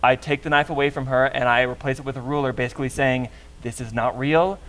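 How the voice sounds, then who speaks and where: A man's voice: mid-range voice, steady tone, fast talker, fairly bright tone. A man from Arizona, an actor in the touring cast, thoughtfully explaining a choice in the production. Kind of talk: answering audience questions.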